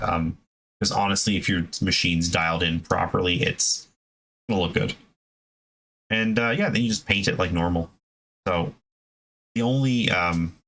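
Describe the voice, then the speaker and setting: With a low but fairly bright voice, a man hosts a hobby video and explains things casually without a script. He talks conversationally and haltingly, correcting himself as he goes.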